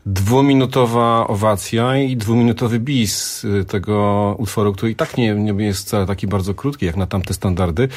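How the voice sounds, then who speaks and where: A man hosting a radio music talk show, chatting in a relaxed, hedging way. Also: fairly low pitch, normal speed, hardly any pauses. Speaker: radio host.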